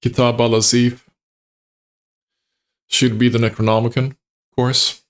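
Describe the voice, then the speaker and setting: A man's voice: medium pitch, level tone, a little slow. A man streaming a horror game, talking casually and enthusiastically to his viewers with chuckles. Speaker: gaming streamer. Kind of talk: casual gameplay commentary.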